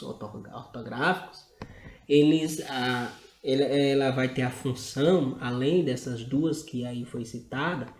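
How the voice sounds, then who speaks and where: A Brazilian man teaching a grammar lesson over slides, explaining slowly and checking in with frequent tag questions. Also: fairly high pitch, warm tone, roomy sound. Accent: Brazilian Portuguese.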